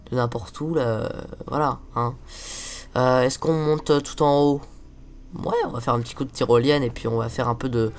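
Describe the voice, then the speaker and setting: A teenage gaming host, stuffy from a cold, rambles casually through a let's-play and swears at the game. His voice is medium-pitched, with a little background noise.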